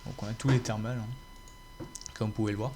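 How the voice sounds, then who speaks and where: A man's voice: lowish voice, fairly even intonation, normal speed, darkish tone. A man casually chatting to his viewers about his game server, rambling with many fillers and restarts. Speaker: gaming YouTuber.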